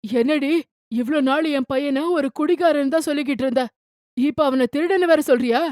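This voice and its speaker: A woman's voice: high voice, fairly quick, darkish tone, no room sound, clean studio sound, natural voice. A woman doing a scornful, taunting mother-in-law. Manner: taunting, insulting. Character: scornful older mother-in-law, harsh and accusing.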